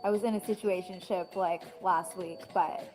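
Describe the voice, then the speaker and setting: A woman's voice: on the low side, fairly even intonation, normal speed, a little mellow, faint music behind, low-quality recording. A woman in her twenties, a guest on a panel show, chatting casually and acting out what people said while telling a story. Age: 20s. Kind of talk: casual chat.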